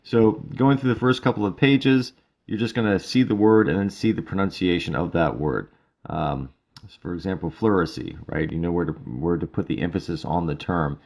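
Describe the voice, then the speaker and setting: A male instructor giving a relaxed, casual walkthrough of a mobile study app, with frequent fillers. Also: sits low, moderate pace, gravelly. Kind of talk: screen-recorded app tutorial.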